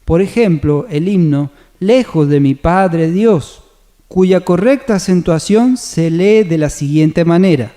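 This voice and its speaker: A man presenting a church music seminar, calmly explaining hymn meter in a measured, scripted way. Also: high-pitched. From Argentina. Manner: calm, measured explanation with sung hymn examples. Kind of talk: scripted teaching on radio.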